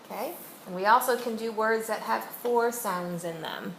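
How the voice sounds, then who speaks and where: Echoey teacher woman, slow deliberate. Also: medium pitch, vocal fry, a bit bright. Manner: slow, deliberate modeling of each word. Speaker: reading teacher. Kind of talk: instructional demonstration with a student. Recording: echoey room with faint noise.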